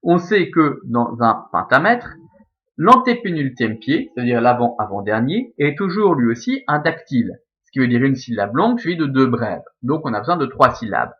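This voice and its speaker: A man with a Belgian French accent teaching a Latin lesson, explaining each step slowly and methodically with lots of repetition. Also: medium pitch, sing-song. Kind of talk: screen-recorded lesson explaining Latin scansion. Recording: slightly dull lo-fi recording.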